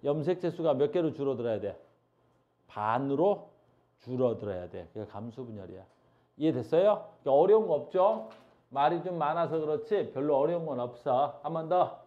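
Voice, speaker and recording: A man's voice: medium pitch, muffled recording. A male science teacher lecturing a class while drawing, asking questions and answering them himself, repeating key phrases. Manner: repeats key phrases, calls out playful commands.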